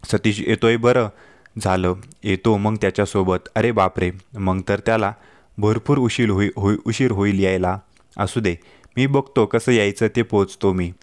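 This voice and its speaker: A man's voice: lowish voice, fairly even intonation, a little slow, no room sound, clean studio sound, close to an everyday voice. A man voicing a joking, loving young husband in a told story, light and reassuring. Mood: jokey. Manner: jokey, reassuring. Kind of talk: storytelling dialogue.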